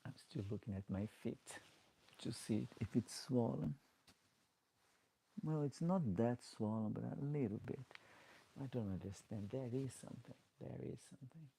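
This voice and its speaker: This low-quality recording, with a little hiss or hum, captures a man with a Portuguese-speaking accent chatting casually on a late-night livestream. A drag queen out of drag, he reads comments aloud and pleads for likes in a warm, medium-pitched voice with vocal fry at a normal speed.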